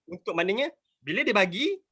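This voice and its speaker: Malaysian man in his 40s, high and bright voice, entrepreneur pleading his case on a video call. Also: sing-song, fairly quick, breathy edge. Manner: emphatic, rambling, repeating himself. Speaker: entrepreneur asking questions. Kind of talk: earnest appeal in an online business talk.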